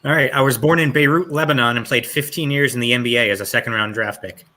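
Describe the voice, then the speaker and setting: Guy hosting a trivia pod from home, bright voice, reads the clues out and laughs a lot. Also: mid-range voice, quick pace. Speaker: trivia quiz host. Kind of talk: casual chat, reading trivia clues.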